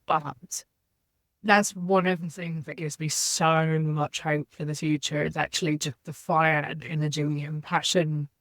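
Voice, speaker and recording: A woman's voice: deep voice, a bit bright, no room sound. A woman from Zambia, a podcast guest, speaking in a reflective, candid way. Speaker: guest, social impact leader. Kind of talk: podcast interview.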